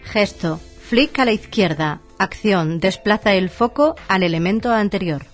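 A woman's voice: medium pitch, a little slow, soft background music. A woman narrating a scripted instruction manual formally, reading it out in short labelled items.

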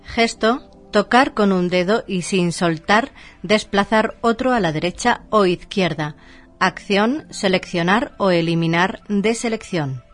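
Woman reading out a how-to manual, formal, short items, normal pitch, faint music behind. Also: a little slow. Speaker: narrator of an instruction manual. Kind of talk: scripted instructional narration.

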